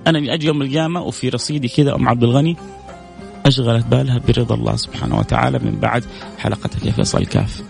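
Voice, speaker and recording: A man with a mid-range voice and vocal fry hosts a call-in radio show from a studio, speaking into a studio microphone. Warm and devout, he reads out listener messages and replies with prayers and blessings.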